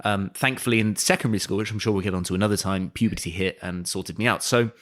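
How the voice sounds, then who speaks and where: A man's voice: fairly low pitch, quick pace, a bit bright. A man co-hosting a podcast, telling comic stories about himself in a rambling, casual way full of fillers. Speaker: podcast co-host. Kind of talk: casual improvised chat.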